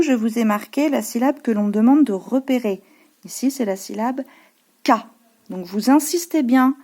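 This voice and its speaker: A preschool teacher with a French accent patiently explains her pupils' home worksheets to parents, hesitating often. Her voice is a little high with a dark tone.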